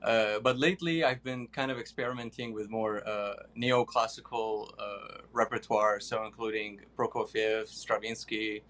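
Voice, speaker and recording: A young man from Iraq, a pianist guest, answering interview questions with many pauses and fillers. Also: lowish voice, fairly even intonation, a bit bright.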